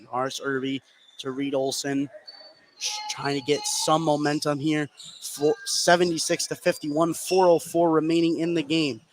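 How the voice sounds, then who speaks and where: This announcer's voice is a little high, his tone level and his pace moderate. He gives live play-by-play basketball commentary from courtside in an indoor high school gym, where the broadcast is noisy and the gym ambience loud.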